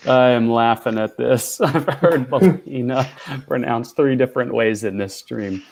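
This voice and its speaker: A man's voice: medium pitch, measured pace, vocal fry, darkish tone. A man hosting a livestream over a video call, upbeat and laughing often as he chats. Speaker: host. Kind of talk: casual livestream chat.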